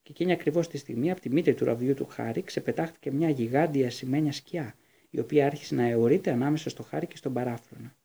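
A male narrator reads a fantasy novel aloud in a steady storytelling manner. His voice is warm and dark, gravelly and somewhat husky, pitched a little high for a man. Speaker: audiobook narrator. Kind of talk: audiobook reading.

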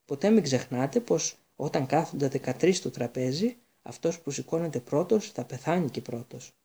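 Storybook seer: man reads as an eerie older woman prophet, high and theatrical, low gravelly edges under it. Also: lively intonation, dark tone. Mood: mysterious. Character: eerie misty older female seer, dramatic.

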